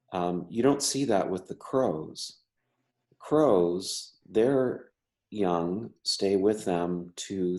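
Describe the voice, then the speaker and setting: Man, stutters, casual interview talk, low pitch, slow unhurried pace. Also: warm tone. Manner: stutters, with repeated words and restarts. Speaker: member artist; teacher.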